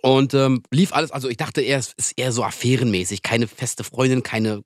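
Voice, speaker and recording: A man's voice: medium pitch, fairly quick, no echo, clean studio sound. A man co-hosting a podcast, chatting casually and telling stories that he acts out with voices. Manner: animated storyteller, acts out quotes. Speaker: podcast co-host. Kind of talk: casual chat.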